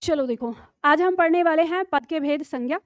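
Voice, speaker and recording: A woman's voice: sits high, normal speed, no echo, muffled recording. A woman teacher giving a live classroom lecture, patiently explaining spelling tricks and asking her students questions. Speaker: Hindi teacher.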